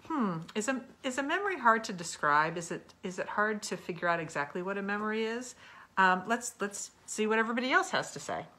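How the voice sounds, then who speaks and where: Reading a story aloud to children, a former teacher pauses for asides, explains things with expression, and quizzes her young audience. Her medium-pitched voice is brisk, bright, and forceful, with lively intonation.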